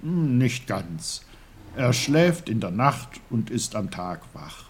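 A man voicing a stern but kind old uncle in a storybook reading, explaining things calmly and firmly. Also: mid-range voice, slow, slightly rough, full character voice. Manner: calm, firm, explaining.

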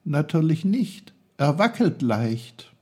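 Eager young boy, high and husky, excitable storybook kid, read by a man. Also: takes it slowly, heavily acted. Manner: excited, questioning.

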